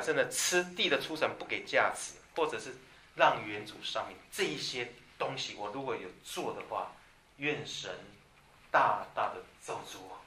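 A man preaching a sermon, animated, moving between quiet asides and loud, emphatic passages. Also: medium pitch, slight background noise. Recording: echoey room from a distance.

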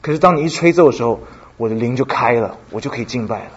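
A man giving an animated church testimony, telling stories and slipping English phrases into his talk. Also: medium pitch, fast talker, slightly rough, dull audio. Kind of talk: sermon testimony.

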